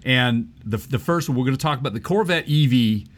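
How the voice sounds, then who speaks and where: A man's voice: mid-range voice, fairly quick. A man co-hosting a casual chat show, easygoing and agreeable, often restarting his sentences. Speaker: podcast co-host.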